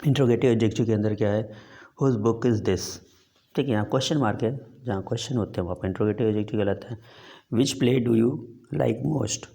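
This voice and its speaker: A man with an Indian accent and a fairly low voice teaches a grammar class. His throat is sore, and he reads each English example slowly before explaining it in Hindi, with frequent fillers between points. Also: vocal fry, mellow. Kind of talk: grammar lesson explaining slides.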